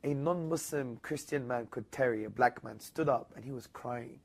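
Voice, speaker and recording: Animated man telling a story. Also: moderate pace, creaky. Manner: animated, rising high when retelling others' words. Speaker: interview guest. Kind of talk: conversational storytelling.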